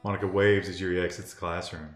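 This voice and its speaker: A man's voice: low-pitched, little pitch movement, fast. A man narrating a visual novel game as he plays, in a casual reading style. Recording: roomy sound, music behind.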